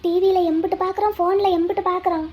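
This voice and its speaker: A very high, piping voice belongs to a young village woman in a cartoon. She is wary and quick-witted, muttering her plans to herself and then sweetly coaxing the people around her. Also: steady tone, darkish tone. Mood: scheming. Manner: talks to herself, pleading and coaxing. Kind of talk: cartoon voice acting, inner monologue and dialogue.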